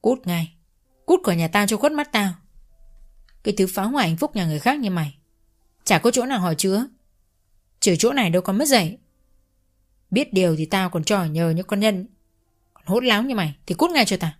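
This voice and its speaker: A woman voicing an enraged older mother-in-law who scolds harshly and fast in a read-aloud story. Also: medium pitch, animated, natural voice. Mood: furious. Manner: shouting, fast and cutting.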